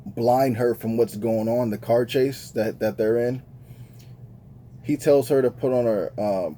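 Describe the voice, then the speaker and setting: A man's voice: on the low side, dark tone, slight background noise. Laid-back slangy man reviewing a movie. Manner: laid-back slangy talk, many fillers. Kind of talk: casual movie review monologue.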